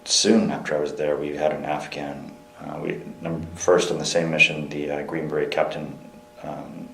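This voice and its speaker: A young man, a military veteran, speaking in a candid interview, earnest and reflective, with frequent halting restarts and fillers. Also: a bass voice, little pitch movement, vocal fry, fairly bright tone, roomy sound, soft background music, poor audio. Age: young adult.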